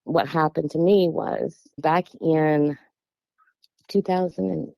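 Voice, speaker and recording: Low-voiced Appalachian woman telling her story. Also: fairly even intonation, slow, vocal fry, no echo. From West Virginia, USA. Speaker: guest telling a personal sighting story. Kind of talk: casual personal storytelling. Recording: dull, lo-fi, dry close sound.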